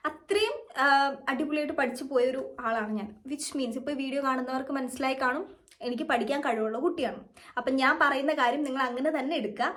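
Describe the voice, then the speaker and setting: Fast-talking young Malayali woman vlogger. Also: sits high, a bit bright. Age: young adult. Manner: chatty, rambling, mixes English words in. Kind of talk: casual storytelling to camera.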